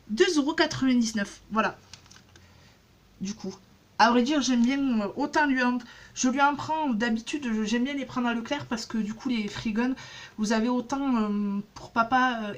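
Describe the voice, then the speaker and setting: A woman's voice: fairly high pitch, normal speed. A woman in her thirties chatting casually in a haul vlog, rambling with many fillers and restarts. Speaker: beauty vlogger.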